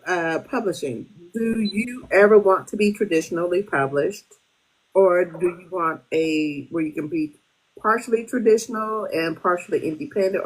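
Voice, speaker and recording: A woman's voice: on the low side, husky, poor audio. A woman hosting a casual podcast interview in an informal, slangy, joking way. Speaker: podcast host.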